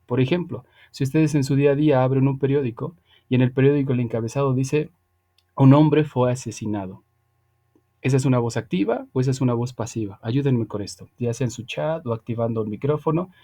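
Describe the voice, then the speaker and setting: A man teaching English over a video call, his voice mellow and relaxed. He explains patiently and keeps checking in with his students with a quick "ok?". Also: mid-range voice. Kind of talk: online class lecture.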